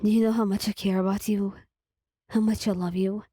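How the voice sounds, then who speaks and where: Woman reader as a brusque young man, whispered role-play, husky and mellow, swears then softens. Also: mid-range voice, level tone, a little fast, dry recording, studio quality, close to an everyday voice. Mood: angry. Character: hot-tempered young man, gruff and protective.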